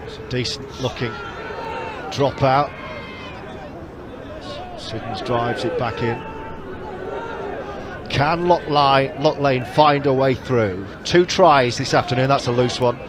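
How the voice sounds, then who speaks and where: Male match commentator, brisk live calls, crowd roaring at the stadium. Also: medium pitch. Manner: rises to shouts at big hits. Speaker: play-by-play commentator. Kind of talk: live rugby league commentary. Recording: crowd noise behind.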